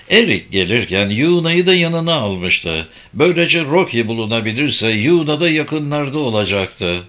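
Expressive, bright male audiobook narrator. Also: fairly low pitch. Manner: expressive storytelling. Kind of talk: scripted narration.

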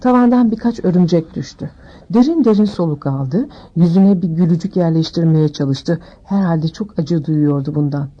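Woman reading an audiobook, low voice. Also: moderate pace, warm tone, lo-fi sound. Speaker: audiobook narrator.

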